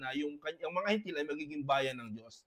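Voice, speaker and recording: High-voiced halting pastor with a cough. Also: male voice, expressive, fairly bright tone. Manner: halting, many tag questions. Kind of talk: debate presentation.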